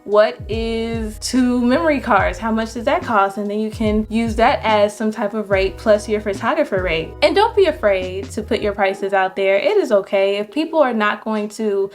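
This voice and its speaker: A young adult woman photographer giving casual, encouraging business advice to viewers, with lively jumps in pitch when she stresses a point. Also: normal speed, few pauses, faint music behind. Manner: chatty and encouraging, animated pitch jumps on emphasis.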